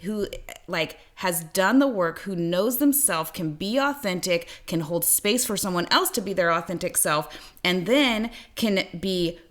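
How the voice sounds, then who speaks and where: A woman's voice: on the low side, animated, a little slow. A woman in her thirties co-hosting a podcast, telling a dating story in a rambling way full of fillers. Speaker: podcast co-host. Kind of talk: casual chat.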